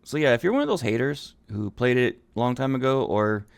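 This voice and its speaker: A man's voice: medium pitch, big pitch swings, fairly quick, vocal fry, clear, resonant tone. A man co-hosting a casual gaming podcast, opinionated and ranting in bursts. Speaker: podcast co-host.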